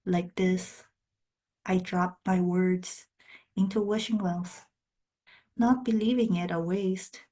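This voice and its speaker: Speaking on the low side with fairly even intonation and a mellow quality, a woman poet whose first languages are Spanish and Korean reads poems in short, deliberate, measured phrases. She introduces them briefly aloud.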